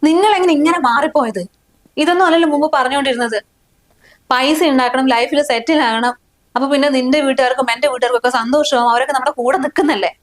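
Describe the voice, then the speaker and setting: A woman's voice: high voice, fairly even intonation, very fast, natural voice. An actress playing a young wife and mother who pleads with her husband in a family short film. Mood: pleading.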